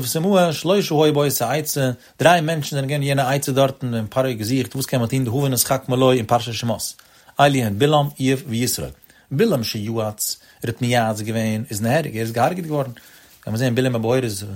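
A man with a husky, slightly breathy voice gives a Torah lecture at a brisk pace. He pronounces the way. He draws out the verses he quotes, then hurries through his explanation of them. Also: medium pitch, darkish tone. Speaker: Torah teacher.

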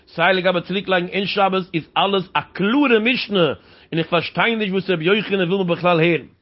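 A man explaining a Talmud passage in a sing-song cadence, asking rhetorical questions along the way. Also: high voice. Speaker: Talmud teacher. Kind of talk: Talmud study lecture. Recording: dull lo-fi recording.

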